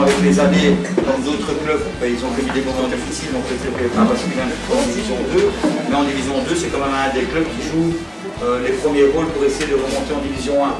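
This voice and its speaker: A man's voice: medium pitch, reverberant, far from the mic, low-quality recording. A man coaching youth football, addressing a group of kids in a rambling way with many fillers. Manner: rambling, repeats himself with fillers.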